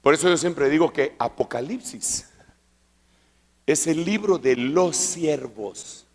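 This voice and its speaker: A man preaching a sermon at a church convention, arguing with rhetorical questions and repetition, and building up to drawn-out shouts. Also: fairly high pitch. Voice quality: rises to loud, drawn-out shouting for emphasis. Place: large church convention hall. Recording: long reverb of a large hall.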